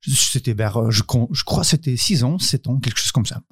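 A man's voice: mid-range voice, fairly quick, husky, no room sound, studio quality. A man in his thirties with a Ukrainian accent, a dancer answering interview questions, hesitant, with many fillers and restarts as he searches for words. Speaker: guest, cabaret dancer. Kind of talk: podcast interview.

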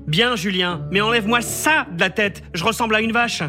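A man's voice: high voice, fairly quick, music in the background, close to an everyday voice. A man voicing a vain, grumpy drawn dragon in a storybook reading, demanding and complaining. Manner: demanding, rhyming nicknames, complaining.

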